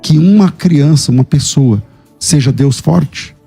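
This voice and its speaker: Homem de voz rouca e grave. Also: male voice, a little high, a little slow, creaky, mellow, husky, soft background music. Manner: insistent, questioning, quotes scripture. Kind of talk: theological debate.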